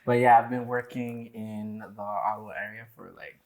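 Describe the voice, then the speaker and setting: A man's voice: fairly low pitch, little pitch movement, normal speed, slight background noise. Laid-back joking man. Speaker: muralist guest. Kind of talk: casual round-table chat.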